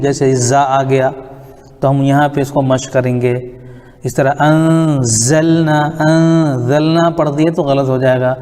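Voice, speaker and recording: Guy teaching tajweed, calm and patient, says each letter over and over, kinda echoey room. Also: medium pitch. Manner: patient, repeats letters slowly for drill. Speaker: Quran recitation teacher. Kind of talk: tajweed lesson on letter articulation.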